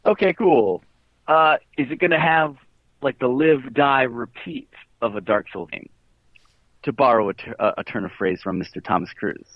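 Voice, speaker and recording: A man chats casually over an internet call line, loose and full of fillers. The sound is dull, dry and close, with the thin quality of a call connection that sometimes cuts out. His pitch sits in an ordinary middle range for a man. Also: moderate pace, no room sound. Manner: loose, filler-heavy, says "like" a lot. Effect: heard over an internet call line that cuts out. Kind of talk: casual chat.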